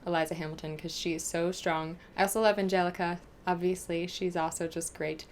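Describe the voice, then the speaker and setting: Gushing and animated, this young American book vlogger answers viewer questions in a casual, informal way. Her voice sits on the low side and moves a little fast.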